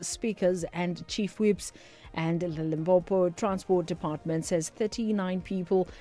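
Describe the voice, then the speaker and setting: Smooth radio newsreader, woman. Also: fairly low pitch, dark tone. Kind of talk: news headlines read on radio.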